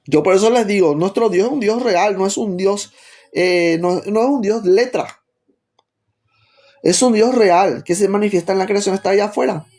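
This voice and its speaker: A man's voice: high voice, darkish tone. A man with a Rioplatense Spanish accent preaching a teaching sermon, stopping often to put rhetorical questions to his listeners.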